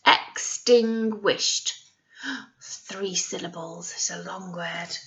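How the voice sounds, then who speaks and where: A nursery teacher reads a picture book aloud to children at storytime, her slightly high voice very bright and her pace slow. She is expressive and teacherly, asking the children questions, stressing key words, and giving simple explanations. The lo-fi recording sounds slightly dull.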